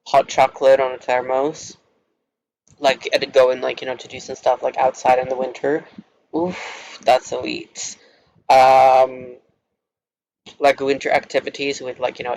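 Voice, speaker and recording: Giggly young man with a gravelly voice. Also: mid-range voice, darkish tone, low-quality recording. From Norway. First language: Norwegian. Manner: giggly, rambling, heavy on filler words. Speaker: vlogger. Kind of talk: casual storytime monologue.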